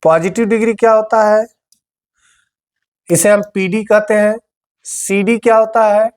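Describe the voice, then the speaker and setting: A high-voiced man with a steady tone and unhurried pace teaches grammar to exam students. Addressing his class directly, he explains patiently and repeats the key words.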